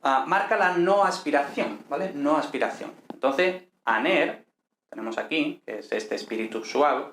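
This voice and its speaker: A man, explaining a language lesson at an unhurried pace, with many checking questions and fillers. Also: fairly high pitch, lively intonation, vocal fry, fairly bright tone. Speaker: teacher. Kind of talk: explaining ancient Greek lesson. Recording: echoey room with faint noise.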